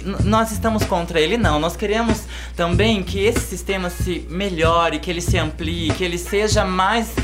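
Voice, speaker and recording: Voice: mid-range voice, moderate pace, few pauses. A talk-show host with a Brazilian accent, speaking reflectively and ending points with tag questions. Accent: Brazilian Portuguese. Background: music playing.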